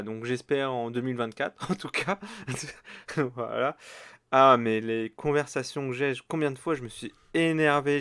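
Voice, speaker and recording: A man's voice: mid-range voice, fairly bright tone, clean tone, no echo, studio quality. A man hosting a casual solo podcast, rambling with many fillers and restarts. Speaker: podcast host.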